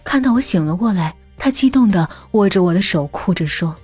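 A woman narrating an audio story in a soft, unhurried storytelling manner. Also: mid-range voice, expressive, breathy edge, faint music behind.

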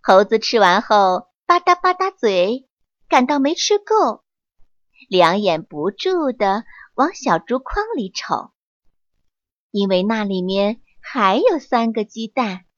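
A woman narrating a children's story in a slow, expressive, sing-song way. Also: on the high side, dry recording. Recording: dull lo-fi, dry.

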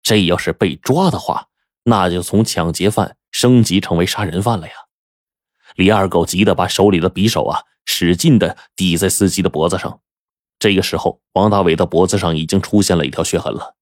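A man's voice: brisk, no room sound, studio quality. A man telling a dramatic story aloud, acting out the characters with big swings in his voice. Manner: animated, acts out characters' lines with sharp pitch jumps.

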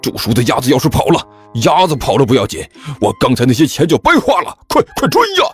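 A man's voice: lowish voice, big pitch swings, normal speed, darkish tone, faint music behind. A man voicing a child trafficker who puts on a forced, cheerful manner and stammers with uneasy laughs. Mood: frantic. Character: fake-friendly male child trafficker, grown man.

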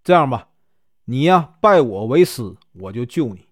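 A man doing a slow, deep-voiced old sage. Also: big pitch swings, no echo, studio quality. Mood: calm. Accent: Northeastern Mandarin. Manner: slow, measured, low delivery. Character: old male sage, calm and unhurried.

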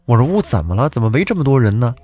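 A man voicing a puzzled young man, muttering quick incredulous questions. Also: mid-range voice, big pitch swings, mellow, breathy edge. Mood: baffled. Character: puzzled, grumbling young man woken at night.

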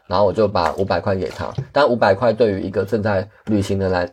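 A man's voice: sits low, fast talker, a little mellow, breathy edge. A man, a guest earnestly telling travel stories in casual chat. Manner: earnest, candid, many restarts.

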